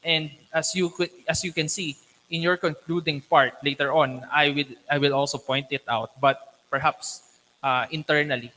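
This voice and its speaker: Man, thesis panelist, higher-pitched, sharp bright tone, deliberate, instructive, critical academic questioning. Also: fairly even intonation. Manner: deliberate, instructive, frequently checking with "okay". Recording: echoey hall with long reverb.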